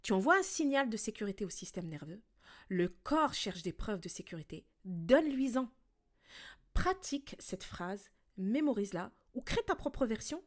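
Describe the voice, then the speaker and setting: A woman hosting a relationship podcast, talking calmly and directly to the listener as a coach in a scripted monologue. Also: mid-range voice, moderate pace.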